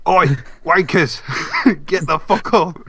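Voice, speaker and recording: A man with a Teesside accent voicing a foul-mouthed, angry male British sun baby that yells crude insults. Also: high-pitched, steady tone, takes it slowly, crowd noise, voice pushed down. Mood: rude. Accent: Teesside English.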